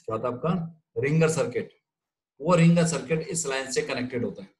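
A man lecturing a class in a question-and-answer rhythm, posing a question and supplying the answer himself. His voice sits at an ordinary middle pitch for a man. He repeats key terms and keeps checking that the students follow. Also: fairly quick, a little mellow, poor audio. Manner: checks in with frequent "theek hai?". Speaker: telecom instructor.

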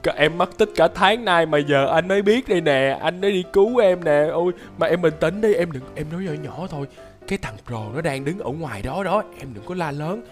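Jittery fast-talking man. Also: fairly high pitch, faint music behind. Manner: excitable, jittery, repeats words. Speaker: gaming YouTuber. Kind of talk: excited gameplay narration.

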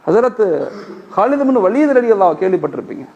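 A man's voice: high-pitched, very animated, fairly quick, muffled recording. A man preaching a sermon in the way of speaking, telling a story in which he acts out the dialogue and repeating phrases for emphasis. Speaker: Islamic preacher.

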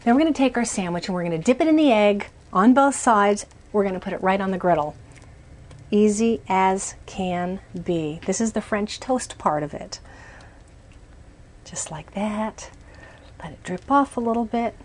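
A woman in her forties, speaking at a moderate pace with a medium-pitched voice, hosts a cooking show from a small RV kitchen. Chatty and upbeat, she walks through each step of the demonstration.

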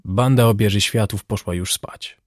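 A man narrating a classic novel as an audiobook in a measured, even manner. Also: lowish voice, no room sound, clean studio sound. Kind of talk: scripted narration.

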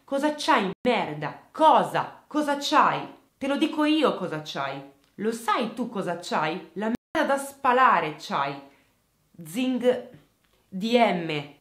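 A woman voicing an aggressive young man who yells insults and threats down the phone. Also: mid-range voice, roomy sound, close to an everyday voice.

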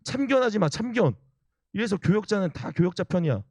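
A man voicing an angry older male church elder who yells brusquely. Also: sits high, lively intonation, fairly quick, breathy edge, no room sound, voice pushed up, heavily acted. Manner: yelling, brusque.

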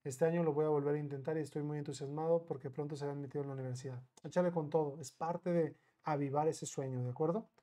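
Man, Mexican accent, middle-aged, math teacher, warm mellow voice, chatty, quick questions to students. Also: fairly high pitch, steady tone. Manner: chatty, asks the class many quick questions; counts out steps slowly. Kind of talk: live online math class.

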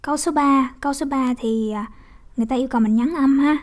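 A woman's voice: sits high, fast talker. A young woman teacher with a Vietnamese accent working through English exam questions, explaining step by step with frequent tag questions. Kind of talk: exam walkthrough lesson.

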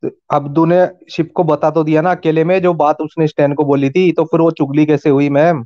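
Fast-talking pushy man debating. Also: on the high side, flat delivery, dry recording, dull audio. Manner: rapid, pushy, interrupting. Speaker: debate panelist. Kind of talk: heated panel debate.

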